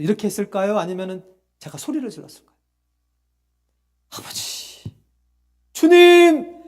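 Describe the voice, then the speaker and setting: Pastor preaching a sermon, soft mellow tone, mid pitch, keeps throwing questions at the crowd. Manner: emphatic preaching, rhetorical questions to the congregation; frequent calls of hallelujah and direct address to listeners.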